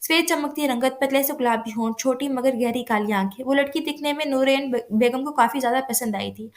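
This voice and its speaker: Woman, Pakistani Urdu accent, high voice, audio novel narration, light tone shifts for characters. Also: fairly quick. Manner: reads all characters, lightly shifting tone for each.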